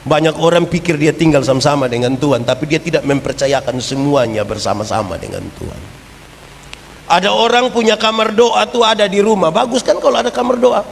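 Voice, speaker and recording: A man's voice: fairly high pitch, a little fast, gravelly. A man preaching a humorous sermon as pastor, putting questions to the congregation. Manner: lively preaching, jokes, asks the congregation questions. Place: church hall. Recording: reverberant church hall, faint background noise.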